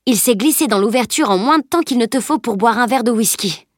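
A woman voicing an excitable, admiring young boy who often speaks in an eager whisper. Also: mid-range voice, fairly quick, breathy edge, dry recording, studio quality, natural voice.

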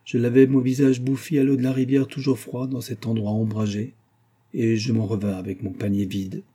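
A man reading a classic novel aloud as narrator, expressive and giving characters their own voices. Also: medium pitch, normal speed, husky. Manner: expressive, reads dialogue with voices. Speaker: audiobook reader.

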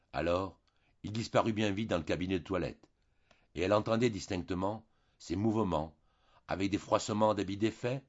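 A man reading a classic novel aloud as an audiobook narrator, in a slow, measured way. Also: deep voice, muffled recording. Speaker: audiobook reader.

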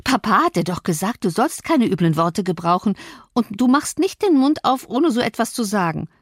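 A woman's voice: medium pitch, big pitch swings, moderate pace, no echo, clean studio sound, voice pushed up. A woman voicing a sickly, sneering teenage boy in an audiobook, with a mocking, prissy manner.

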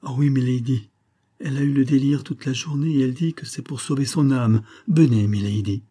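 A man's voice: mid-range voice, fairly quick, mellow, slightly rough, pitched above the performer's own voice, natural voice. A man voicing a breathless young servant girl in an audiobook, urgent and pleading. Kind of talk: audiobook character reading.

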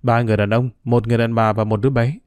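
A man's voice: mid-range voice, flat delivery, very fast, a little mellow, clear, resonant tone, no echo, natural voice. A man voicing a humble older ferry boatman who talks deferentially, with fretful exclamations. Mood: worried.

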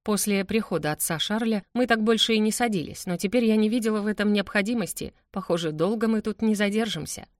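A woman's voice: mid-range voice, fast, few pauses, no echo, clean studio sound. A woman narrating a first-person novel as an audiobook, reading expressively.

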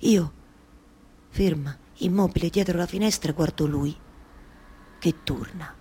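Slow, halting Penelope, a yearning wife played by an actress. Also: female voice, on the low side, warm tone, a little hiss or hum, natural voice. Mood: hushed dread. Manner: halting, obsessively repeating words and phrases. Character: Penelope, weary, anxious, yearning wife awaiting her husband's return. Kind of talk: theatrical radio monologue over live music. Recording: live guitar music behind the voice. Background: plucked guitar music.

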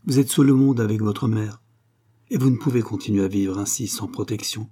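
A gentle, devoted young clerk who proposes with earnest tenderness, as a male reader plays him. The voice is low-pitched, dark and husky. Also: fairly quick, close to an everyday voice. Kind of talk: audiobook reading.

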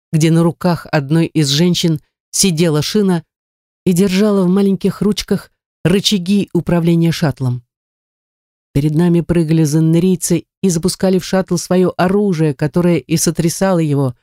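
A woman's voice: sits low, dry recording, clean studio sound. Woman narrating a space adventure dramatically. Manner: lively, dramatic reading that rises into shouts. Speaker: audiobook narrator. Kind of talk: first-person audiobook narration.

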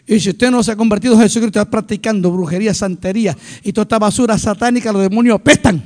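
A middle-aged male pastor preaching with passion, swinging between loud declarations and hushed asides. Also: high-pitched, rapid-fire. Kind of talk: sermon.

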